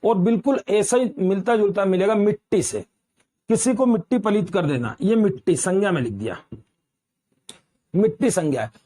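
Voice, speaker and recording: A man's voice: high voice, expressive, moderate pace, warm tone. A man from Uttar Pradesh teaching Hindi grammar at a board, quizzing students and calling them beta. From Uttar Pradesh, India. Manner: addresses students as beta, repeats quiz questions.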